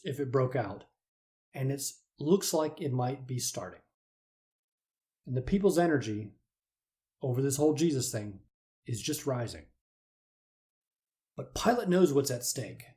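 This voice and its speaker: A man's voice: medium pitch, warm tone. A man teaching a Bible lesson, retelling events in a dramatic, explanatory way. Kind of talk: storytelling lesson.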